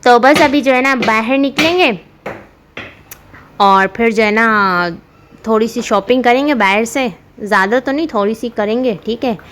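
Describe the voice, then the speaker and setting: A woman's voice: on the high side, unhurried, fairly bright tone, slight background noise. Giggly rambling woman vlogger. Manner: rambling, full of fillers, giggles often. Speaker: family vlogger, mother. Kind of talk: chatty voice-over narration.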